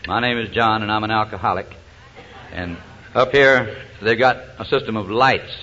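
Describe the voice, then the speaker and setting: Man, recovery meeting speaker, folksy storytelling, bright voice, dull old recording. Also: on the low side, normal speed, slight background noise. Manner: folksy storyteller, frequent uh's. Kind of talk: personal testimony talk with jokes. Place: meeting hall platform.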